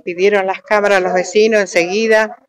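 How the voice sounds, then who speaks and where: A woman in her sixties with a Rioplatense Spanish accent, giving halting interview testimony about what happened to her, full of restarts and fillers. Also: mid-range voice, flat delivery, crowd noise. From Uruguay. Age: 60s. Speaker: robbery victim.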